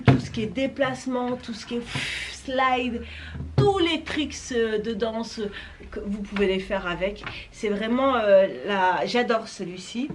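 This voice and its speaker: Speaking to camera, a young vlogger enthusiastically chats about roller skates, her casual product talk heavy with fillers and restarts. Her pitch is fairly high, with a little hiss or hum in the background.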